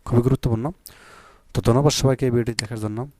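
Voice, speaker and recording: A man's voice: medium pitch, fairly even intonation, darkish tone, a little hiss or hum. A man from Bangladesh teaching an exam-prep lesson, explaining patiently and often checking that his students follow. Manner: explains patiently, often asks "ঠিক আছে?"; slow, measured reciting of poem and story.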